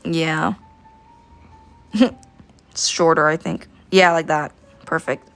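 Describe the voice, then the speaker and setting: A woman's voice: low voice, steady tone, slow pace, a bit bright, no echo, soft background music. A woman chatting casually while she draws during a livestream art lesson, giggling and thinking aloud. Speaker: art teacher streaming live.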